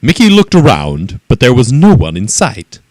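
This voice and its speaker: A man reading a children's story aloud in an expressive, animated way. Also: medium pitch, moderate pace, dry recording.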